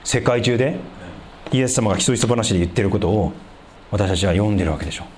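A man preaching a sermon, asking the congregation rhetorical questions and swinging between loud emphasis and hushed low passages. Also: quick pace, slight background noise. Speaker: pastor.

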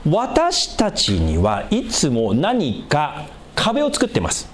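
A man preaching a sermon as a pastor, animated, repeating words for emphasis and swinging from low asides to high, exclaimed scripture. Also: slow pace, slight background noise.

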